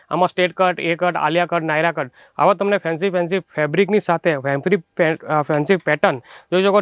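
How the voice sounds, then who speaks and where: Fast-talking Gujarati salesman, high voice. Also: no room sound, dull audio. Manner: rapid sales patter with frequent restarts. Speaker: wholesale clothing shop presenter. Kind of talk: unscripted product showcase.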